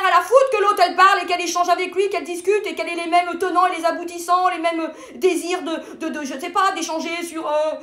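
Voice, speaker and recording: A woman's voice: extremely high pitch, bright, forceful tone. A woman comedian doing a blunt, crude sketch monologue, stammering and repeating herself. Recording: echoey room.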